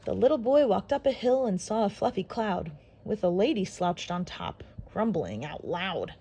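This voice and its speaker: A woman reading a rhyming picture book aloud for children, with a steady storytelling rhythm. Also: mid-range voice, normal speed, breathy edge. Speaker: storybook reader.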